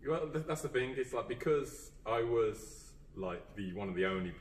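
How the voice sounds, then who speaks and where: A man's voice: mid-range voice, lively intonation, moderate pace, a little hiss or hum. A man from Dudley, a teacher chatting earnestly as a podcast guest, with lots of fillers and restarts. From England (Dudley). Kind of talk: casual podcast chat. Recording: roomy, distant mic, faint background.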